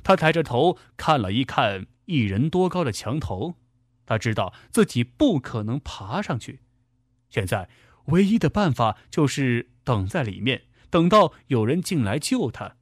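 A man's voice: mid-range voice, sing-song, a little slow, no echo, studio quality. A man narrating a dramatic story in a vivid storytelling delivery.

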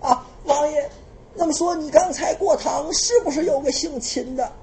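A woman voicing a dramatic old princess consort in a Beijing accent, wailing and pleading in drawn-out tones. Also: high-pitched, mellow, a little hiss or hum, voice pushed up. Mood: pressing.

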